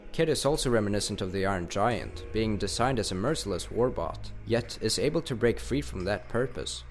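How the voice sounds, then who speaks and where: A man's voice: lowish voice, animated, brisk, faint music behind. A man narrating a scripted countdown of favorite video game characters, enthusiastic with casual slang.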